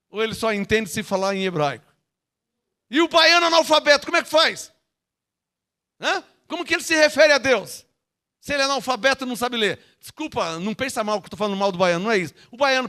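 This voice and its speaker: Brazilian male preacher, high bright voice, emphatic Bible teaching with rhetorical questions. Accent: Brazilian Portuguese. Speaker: pastor.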